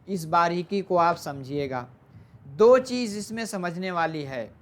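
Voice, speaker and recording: A teacher giving an online Arabic grammar lesson, explaining slowly, mixing in English terms, and asking the class questions before answering them. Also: mid-range voice, expressive.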